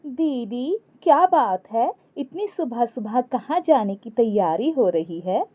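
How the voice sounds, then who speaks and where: Narrator playing a sweetly needling young wife, high and mellow. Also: female voice, expressive, takes it slowly. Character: sly young younger daughter-in-law, tattletale.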